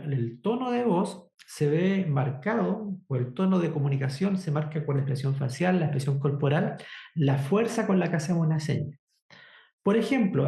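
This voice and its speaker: A sign language instructor, teaching a workshop lesson with deliberate explanations and frequent check-ins with the class. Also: medium pitch, creaky, warm tone. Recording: echoey room.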